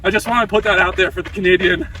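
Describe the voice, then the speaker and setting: Dude interviewing while running, high voice, bro slang, bit far from the mic outside. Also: male voice, fairly even intonation, very fast. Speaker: podcast host, interviewer. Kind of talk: casual interview chat. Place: outdoors on a run. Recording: distant mic, outdoor ambient noise.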